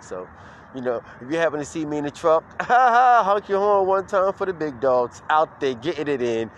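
A man hosting his own podcast outdoors, playing a loud, upbeat morning-radio host who stretches out words and laughs. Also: lowish voice, slight background noise. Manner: hype-man energy, drawn-out shouted words, laughing. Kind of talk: playful mock morning-radio show. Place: outdoors in the street.

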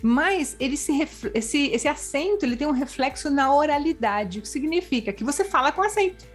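A woman's voice: high-pitched, lively intonation, moderate pace, faint music behind. Woman explaining with many tag questions. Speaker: Spanish language teacher. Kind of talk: casual explanatory chat.

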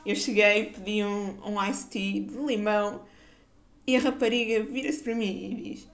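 A woman's voice: mid-range voice, fairly even intonation, moderate pace. A young woman from Guarda with a Portuguese accent from that region, telling a casual personal story in a chatty way, laughing often and using many fillers. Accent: European Portuguese, Guarda region. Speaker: podcaster.

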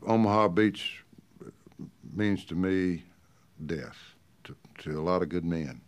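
An elderly man, a war veteran, remembering haltingly in a documentary interview. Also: deep voice.

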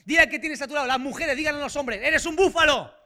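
A male pastor with a Spanish accent delivers a sermon in a church hall. His voice sits very high and rings bright and forceful. He drives his points home with emphatic bursts that climb to shouts. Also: very fast, slight background noise. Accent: Spanish from Spain. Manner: emphatic, rising to shouts on key phrases.

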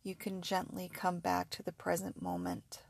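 A woman's voice: lowish voice, flat delivery, normal speed, gravelly, no room sound. A woman narrating guided sleep hypnosis like a sleep story narrator, in a soothing, repetitive, suggestive way.

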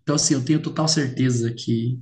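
A man's voice: medium pitch, steady tone, fast talker, mellow. Emotional Brazilian man, echoey room. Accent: Brazilian Portuguese. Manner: emotional, repeats words for emphasis. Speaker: guest sharing his experience. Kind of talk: heartfelt personal testimony. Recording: roomy echo.

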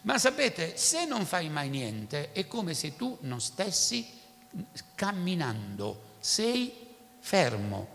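A man's voice: a little high, huge pitch swings, takes it slowly, creaky, a bit bright, in a large hall, slight background noise. A man preaching a sermon, often asking the congregation rhetorical questions.

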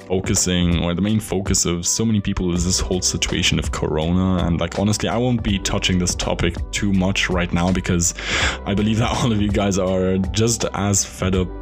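A young man in his twenties from Germany, whose first language is German, talks through his own story on a solo podcast. His voice sits very low, and he rambles, restarting and correcting himself. Soft music plays faintly behind him. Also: fairly even intonation, brisk. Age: 20s. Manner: rambling, with many fillers, restarts and self-corrections. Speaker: podcast host. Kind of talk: casual solo podcast monologue.

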